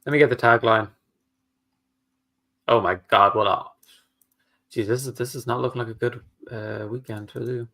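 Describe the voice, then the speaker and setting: A man of middling pitch chats on a livestream, often half talking to himself. His asides come out dry and exasperated. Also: steady tone, moderate pace, long pauses, pushed and bright. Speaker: co-host of a writing livestream. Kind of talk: casual livestream chat.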